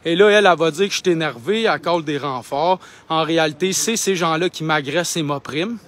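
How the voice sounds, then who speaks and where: A man's voice: a little high, fast, fairly bright tone. A young man with a Québécois French accent livestreaming on his phone outdoors, talking in an indignant, insistent, argumentative way. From Quebec. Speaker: independent livestreamer. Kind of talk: live street vlog. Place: outdoors outside a building.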